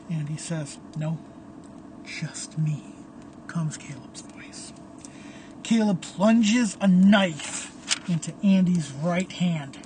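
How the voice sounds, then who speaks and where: Slow, hushed horror storyteller. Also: mid-range voice, slight background noise. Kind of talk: dramatic horror narration.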